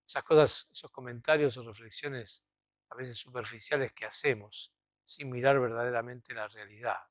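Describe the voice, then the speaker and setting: A man's voice: mid-range voice, steady tone, normal speed, no echo, studio quality. Argentine man preaching a reflective homily. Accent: Argentine Spanish. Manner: conversational, reflective, frequent checking tags like "¿no?" and "¿vieron?". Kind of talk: sermon. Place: cathedral.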